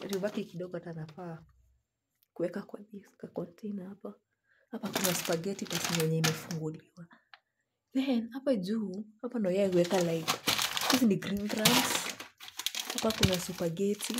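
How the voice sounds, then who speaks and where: A woman's voice: on the low side, noisy background. Chatty Kenyan woman giving a home tour. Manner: chatty, addresses viewers as "guys", drops to soft half-whispered asides. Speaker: vlogger giving a house tour. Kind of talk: casual tour narration mixing Swahili and English. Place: small bedsitter flat, indoors. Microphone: phone held while filming.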